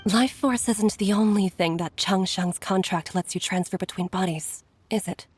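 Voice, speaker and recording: A woman voices a caring middle-aged doctor and mother who speaks earnestly and with concern, sighing often. Her voice is medium-pitched at a moderate pace, close to an everyday voice.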